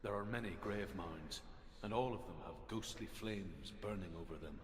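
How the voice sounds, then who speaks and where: A man playing a grave spirit storyteller in a video game, recounting old legends in a measured, solemn way. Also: fairly low pitch, slight background noise, natural voice. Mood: ominous storytelling. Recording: echoing reverb over loud ambient game sound.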